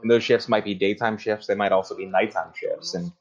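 A man interpreting as a translation voice-over, speaking another person's account in the first person with halting, deliberate phrasing, on a dull online call recording. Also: lowish voice, steady tone.

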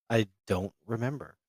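A man's voice: mid-range voice, no echo. A man co-hosting a podcast, talking casually and rambling a bit. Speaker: podcast co-host. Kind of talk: casual chat.

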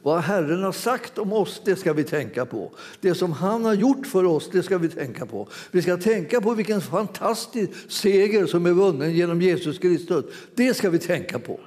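A man's voice: sits high, expressive, hardly any pauses, a little mellow. A man preaching a sermon, telling a story in a chatty, laughing way with many restarts. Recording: hall reverb.

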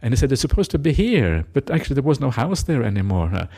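Fast and very animated, with a slightly rough medium-pitched voice, a middle-aged Norwegian monk reflects aloud in a Dhamma talk. He laughs gently, hesitates with fillers, and tags many of his points with a questioning "eh?".

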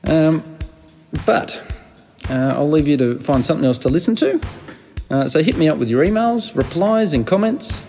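A man's voice: fairly high pitch, animated, moderate pace, mellow, long reverb tail, faint music behind. A man hosting a podcast in a casual, informal and slangy way. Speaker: podcast host.

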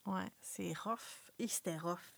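A woman with a Quebec French accent, casually chatting as she retells a film's plot and lively acting out what the characters say. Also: fairly low pitch, slow pace, creaky, no echo. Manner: animated storyteller, acts out characters' lines. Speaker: film recapper.

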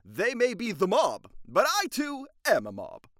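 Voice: mid-range voice, wildly swooping pitch, unhurried, fairly bright tone, no room sound, clean studio sound. An actor playing a vain, dimwitted male space captain hero who talks in pompous, grandiose speeches. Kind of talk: parody radio serial acting.

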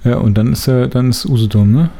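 A man's voice: mid-range voice, a little fast, mellow. A man in casual chat who mostly answers with short reactions and questions.

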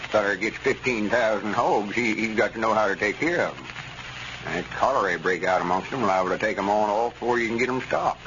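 An actor playing a folksy, self-assured rural Southern storekeeper in a 1930s radio comedy, drawling and homespun. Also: male voice, on the low side, brisk, close to an everyday voice. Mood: explaining, confident. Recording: dull vintage radio recording, faint noise.

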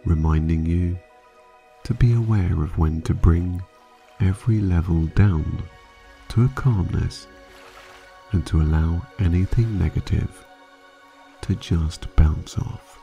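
A man narrating a guided sleep meditation like a sleep story narrator, calm, measured and hypnotic, with long pauses between phrases. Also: deep voice, creaky, lo-fi sound. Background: soft music.

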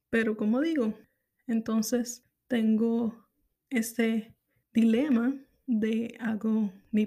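A Puerto Rican woman in her thirties, with a Puerto Rican Spanish accent, hosts a podcast and delivers a personal monologue to her listeners, candid and reflective, thinking aloud and repeating phrases as she goes. Her voice is a little high yet dark and mellow, with a gravelly edge.

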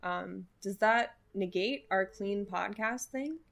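A woman's voice: mid-range voice, slow, gravelly, a bit bright. A young woman from Sacramento co-hosting a podcast, chatting in a playful, joking way. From Sacramento, California. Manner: playful, jokey storytelling. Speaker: podcast co-host. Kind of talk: casual chat.

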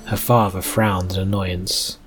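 Low-voiced man narrating a fantasy story. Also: flat delivery, measured pace, fairly bright tone, faint music behind. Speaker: narrator and game runner.

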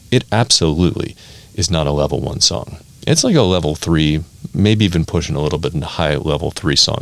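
A man's voice: deep voice, no room sound. A man talking casually and emphatically as a podcast guest, explaining his approach as an educator. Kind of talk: casual explanatory interview talk.

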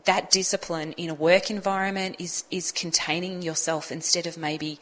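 A woman's voice: on the low side, little pitch movement, moderate pace, fairly bright tone, rough recording. A woman, a radio guest speaking earnestly and explaining her ideas with emphasis. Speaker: guest on a radio talk show. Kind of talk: conversational advice talk.

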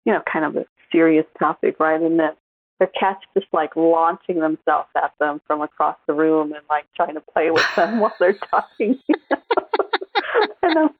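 A woman co-hosts a podcast in a relaxed, chatty way, laughing easily as she talks. Her voice sits low and has a gravelly fry, and it comes through a dry, tinny phone-like line. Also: moderate pace, no echo. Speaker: podcast co-host. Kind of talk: casual chat.

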